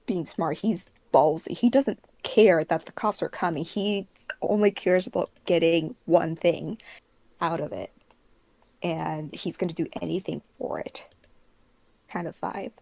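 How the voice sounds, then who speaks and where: A woman co-hosting a podcast, who also produces fandubs, chats casually and keeps dropping "like" into her sentences. Her voice is lowish, a little slow and creaky, with no echo and dull audio.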